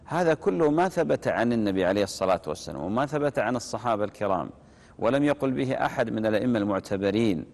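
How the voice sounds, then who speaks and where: A man giving religious instruction on prayer, repeating key phrases and demonstrating them slowly. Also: lowish voice, animated, vocal fry, darkish tone. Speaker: religious teacher. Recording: long reverb.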